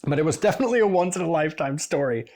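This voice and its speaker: A man's voice: on the high side, lively intonation, racing, a little mellow. A man from Washington State, a hairdresser and podcast host, telling stories in a rambling, chatty way, livening up when he quotes people. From Washington State, USA. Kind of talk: casual storytelling monologue.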